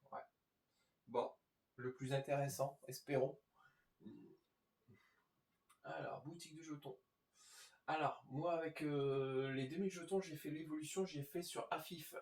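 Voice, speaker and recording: A man's voice: medium pitch, a little mellow. A man giving casual, informal game commentary, talking directly to his viewers as host. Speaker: gaming video host. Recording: roomy echo.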